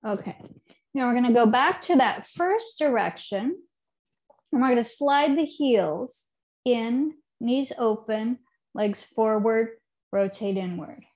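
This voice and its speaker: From her living room, a woman in her thirties guides a seated yoga class in a fairly high voice, giving calm, unhurried cues that trail off softly. A camera placed some distance away captures her.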